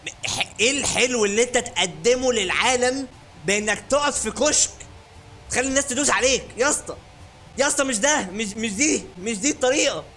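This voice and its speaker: High, fast-talking Egyptian gamer guy. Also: slight background noise. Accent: Egyptian Arabic. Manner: joking and sarcastic, bursts into shouting. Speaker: gaming YouTuber host. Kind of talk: casual gameplay commentary. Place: at home, sitting on a dining chair.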